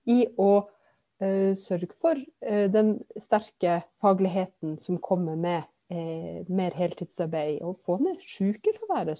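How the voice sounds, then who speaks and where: A woman politician answering questions in a casual interview over a video call, pausing often with filler sounds. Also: mid-range voice, dark tone, dry recording, studio quality. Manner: hesitant, many filler sounds. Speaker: politician, podcast guest.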